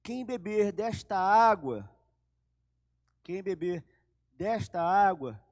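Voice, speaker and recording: A man voicing a calm, solemn male teacher who speaks slowly and reassuringly. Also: high-pitched, no room sound. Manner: slow, measured, reassuring.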